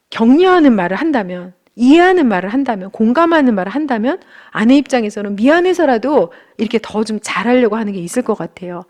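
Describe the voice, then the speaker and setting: A woman with a slightly high voice leads a church marriage class, speaking gently as she acts out kind example phrases husbands might use.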